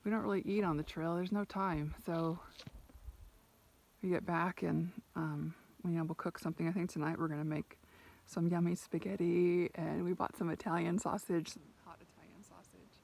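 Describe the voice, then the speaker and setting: A woman's voice: fairly low pitch, fairly even intonation, moderate pace, gravelly, a little mellow. A woman chatting casually while riding, laughing often and talking to her horse, outdoors on open range. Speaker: ranch rider vlogger. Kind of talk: casual outdoor vlog chat.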